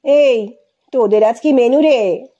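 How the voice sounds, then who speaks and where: A woman voicing a loud, bossy, carefree man who gives orders and teases his old friend. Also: fairly high pitch, takes it slowly, lo-fi sound. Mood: teasing. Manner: commanding, teasing.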